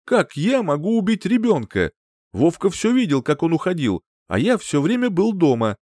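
A man's voice: on the high side, big pitch swings, normal speed, darkish tone, no room sound, clean studio sound, voice pushed up. A man voicing a timid, cowed man in an audiobook, defensive and placating. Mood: cowering. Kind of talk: audiobook character voice.

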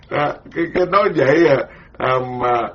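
Monk lecturer, male, slightly high voice, dull lo-fi recording, rambling and self-mocking. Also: a bit bright, a little hiss or hum. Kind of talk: informal dharma talk.

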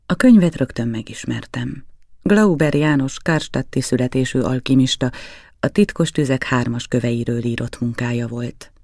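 Male audiobook reader, gravelly and mellow, measured and grave, dry close sound. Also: mid-range voice, no room sound. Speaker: audiobook narrator. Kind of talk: first-person novel reading.

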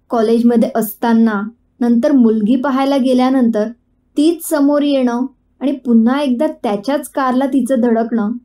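A woman narrating a romance story in a steady, expressive reading. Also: a little high.

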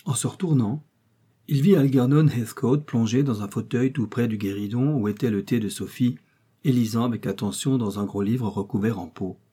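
Mellow, husky male narrator. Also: mid-range voice, normal speed. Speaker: audiobook narrator. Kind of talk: scripted literary narration.

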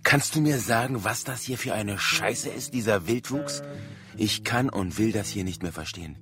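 An actor playing a self-righteous frontier officer in a radio play, speaking in an indignant, pompous, reproachful way. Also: male voice, lowish voice, moderate pace, over music, close to an everyday voice.

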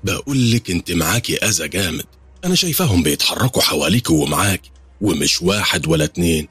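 A man's voice: deep voice, lively intonation, fast talker, fairly bright tone, slightly rough, no room sound, heavily acted. A man with an Egyptian accent voicing a strange veiled woman who insists she sees spirits around people, speaking in an ominous, matter-of-fact way. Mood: ominous insistent.

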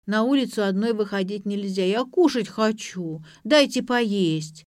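A woman voicing a young woman feigning childish madness, whiny and drawn-out. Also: mid-range voice, darkish tone, dry recording, studio quality, close to an everyday voice.

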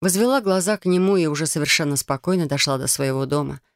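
A woman reads a first-person fantasy romance aloud, with a dry, sarcastic bite in her delivery. Her mid-pitched voice carries a gravelly texture. The recording is close and dry, with no room sound. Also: fast, dry recording. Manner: sardonic and sarcastic. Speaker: audiobook narrator.

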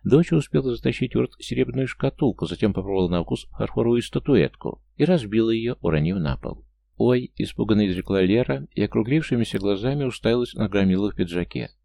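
A man narrating an audiobook in an even storytelling manner. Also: mid-range voice, fast talker, creaky, few pauses. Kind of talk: scripted narration.

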